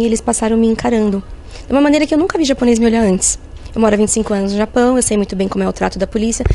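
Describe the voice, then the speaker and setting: A middle-aged woman talks quickly and with energy. Her voice sits a little high with a gravelly edge, and she acts out each exchange as she tells it. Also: slight background noise. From Brazil. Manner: animated, vivid retelling with acted-out quotes. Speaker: interviewee. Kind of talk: interview testimony.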